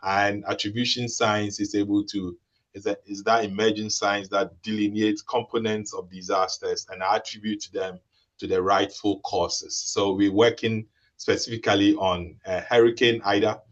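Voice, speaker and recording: A young man from Ghana, a researcher, speaking haltingly with many restarts on a video call. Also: fairly low pitch, level tone, muffled recording. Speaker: researcher and webinar participant. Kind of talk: explaining a role-play and introducing himself.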